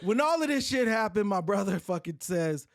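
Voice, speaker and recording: Profane, animated woman storyteller. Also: mid-range voice, normal speed, no echo, clean studio sound. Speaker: podcast host. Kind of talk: casual storytelling chat.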